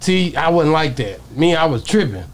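A middle-aged man hosting a podcast, telling streetwise stories in an animated way. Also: fairly high pitch. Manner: animated, streetwise, rushing when excited. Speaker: podcast host. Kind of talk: casual interview talk. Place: podcast studio. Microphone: studio mic on arm.

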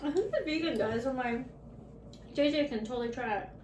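A woman's voice: high-pitched, fairly quick, noisy background. A chatty, giggly woman hosting a casual snack unboxing and taste test. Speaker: vlog host. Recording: echoey room, mic far off.

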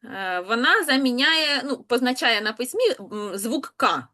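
A woman's voice: on the high side, expressive, measured pace, pushed and bright. A woman language teacher explaining spelling patiently, step by step, in an online lesson.

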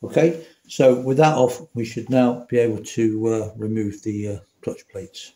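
A man's voice: fairly low pitch, unhurried, mellow. Man explaining mechanics in an echoey workshop. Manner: chatty, self-correcting, explains as he works. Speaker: motorcycle mechanic. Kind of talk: hands-on workshop demonstration. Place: indoor workshop.

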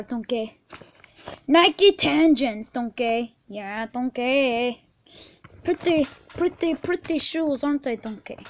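A woman's voice: a little high, slight background noise. A woman playing a jumpy, childlike male ogre in a homemade role-play vlog, calling everyone donkey. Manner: playful, calls everyone donkey. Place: outdoors at night, then indoors at home. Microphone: handheld video camera.

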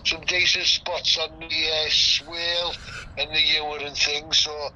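A man's voice: on the high side, level tone, measured pace, dull audio, background noise. An older man speaking outdoors on a riverbank in a friendly, plain-spoken way. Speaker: guest vlogger.

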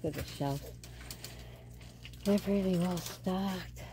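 A woman's voice: lowish voice, takes it slowly. A woman vlogging casually as she walks through a discount store, rambling and repeating herself. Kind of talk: casual shopping chat. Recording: loud store noise behind.

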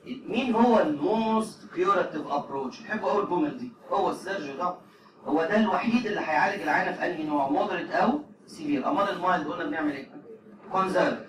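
Fast-talking Egyptian man lecturing. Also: high-pitched. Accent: Egyptian Arabic. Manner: drills pronunciation, asks questions and answers them himself. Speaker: medical lecturer. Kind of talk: classroom lecture. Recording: echoey hall, distant mic, audible noise.

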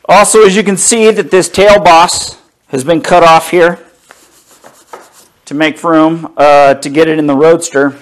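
A middle-aged man slowly unboxing and inspecting car parts in his home garage, talking casually to a camera a few feet away. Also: fairly high pitch, steady tone. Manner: slow, easygoing, talks while handling parts. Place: home garage workshop, indoors.

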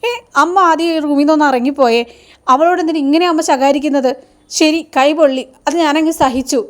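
A woman's voice: high voice, a little fast, close to an everyday voice. A woman voicing a grown son who firmly tells his mother off to defend his wife.

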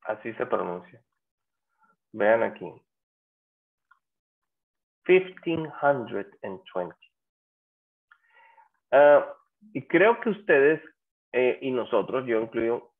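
A man teaching an English class, drawing out his example words slowly and coaxing students to answer. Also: medium pitch, lively intonation. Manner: slow, drawn-out English examples. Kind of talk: online class lecture. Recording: tinny phone-like audio.

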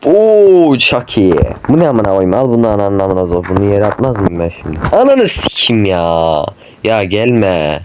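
Male gamer, foul-mouthed running commentary, very animated pitch, noisy recording. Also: moderate pace. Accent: Turkish. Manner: constant swearing at the game, panicky yelling when chased. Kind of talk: horror game let's play commentary. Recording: noisy home mic recording.

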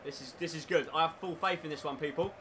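A man's voice: fairly high pitch, a crowd in the background. A young man streaming a football game, reacting to play and chatting to his viewers, easily frustrated. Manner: excitable, talks to chat, quick to frustration. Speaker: gaming streamer. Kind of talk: live gameplay commentary.

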